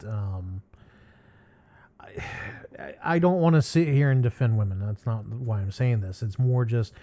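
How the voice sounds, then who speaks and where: A man of middle pitch talks through viewer comments as a host. His speech is loose and rambling, full of ums, sighs and small chuckles. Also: darkish tone. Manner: rambling and hesitant, with many fillers and sighs.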